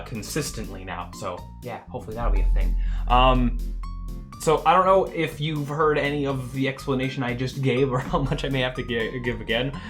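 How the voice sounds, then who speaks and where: Over faint background music, a young man from Canada with a mid-range, fairly bright voice livestreams his game development work. His talk is chatty and rambling; he laughs a lot and keeps trailing off and restarting when he loses the thread.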